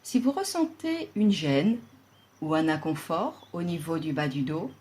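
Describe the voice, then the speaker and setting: A woman guides a yoga relaxation in her role as instructor, speaking low in pitch. The pace is deliberate and the mood calm and soothing, with long pauses throughout.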